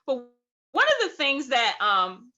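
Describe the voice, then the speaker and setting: Encouraging woman, bright lo-fi call. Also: sits high, wildly swooping pitch, a little slow, slight background noise. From Alabama, US South. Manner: warm, encouraging, laughs often, repeats phrases. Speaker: writing workshop facilitator. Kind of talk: guided online workshop teaching. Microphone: video call.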